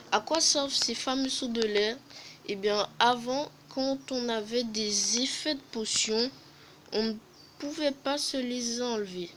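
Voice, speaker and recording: A woman's voice: a little high, a little hiss or hum, rough recording. A woman hosting a casual game update review, hesitant, with many fillers and self-corrections and jokey self-mocking asides. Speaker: gaming video host.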